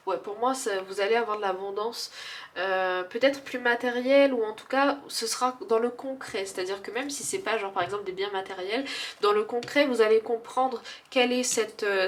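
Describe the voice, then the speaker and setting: A woman's voice: medium pitch, fairly bright tone, a little hiss or hum. A woman doing a casual tarot reading, chatty and hesitant, with many fillers and frequent laughs. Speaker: tarot card reader.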